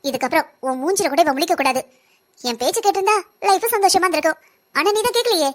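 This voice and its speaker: A woman's voice: extremely high pitch, fast. A woman voicing a scheming, manipulative young woman in a cartoon, wheedling and threatening by turns. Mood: gloating. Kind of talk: cartoon voice acting.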